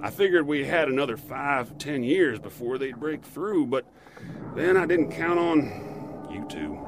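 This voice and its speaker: A man playing a world-weary, middle-aged motel keeper who fights demons, gruff, folksy and terse, in a horror-comedy audio drama. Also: fairly high pitch, animated, measured pace. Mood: weary, grim. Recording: clear background ambience noise.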